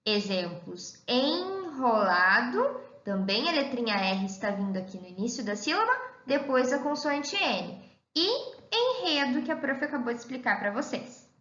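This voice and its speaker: A woman teacher giving an online lesson to young children, talking in a slow sing-song way and calling herself "the teacher.". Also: high voice, animated, fairly bright tone. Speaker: primary school teacher. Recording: echoey room, dull lo-fi sound.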